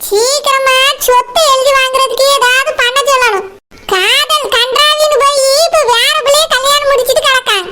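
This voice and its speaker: A woman voicing a greedy, scheming village woman in a cartoon, with a Kanyakumari Tamil accent and a shrill, muttering delivery. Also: moderate pace, bright, forceful tone. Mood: plotting. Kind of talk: cartoon voice acting.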